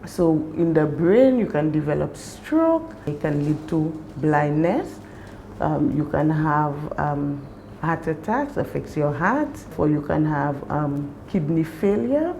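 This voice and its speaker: A woman's voice: low voice, expressive, takes it slowly, gravelly, mellow, slight background noise. A woman, a clinician explaining things instructively to a patient. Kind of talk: patient consultation. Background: faint music.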